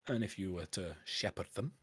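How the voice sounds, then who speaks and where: A man voicing a stingy, gruff male merchant with a Scottish accent that drifts toward Irish. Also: sits low, animated, a little fast, no room sound, clean studio sound. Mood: conspiratorial.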